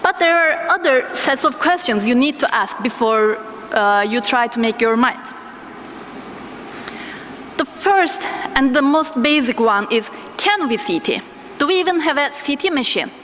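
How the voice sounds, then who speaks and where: A woman giving a conference lecture as a physician, her voice thick and strained from a sore throat, speaking hesitantly with deliberate pauses. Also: high-pitched, lively intonation, a bit bright. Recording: echoey hall with noticeable background noise.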